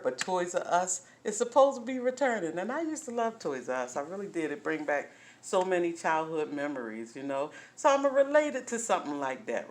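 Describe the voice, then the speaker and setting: Chatty woman in her fifties with a folksy drawl. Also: fairly low pitch. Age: 50s. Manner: chatty, folksy, keeps asking "right?". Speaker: host. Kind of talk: casual talk on relationships.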